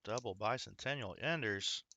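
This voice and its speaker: A man with a lowish, bright, forceful voice hosts a coin-hunting livestream at normal speed, with no room sound. He chats casually and greets viewers by name as he works through rolls.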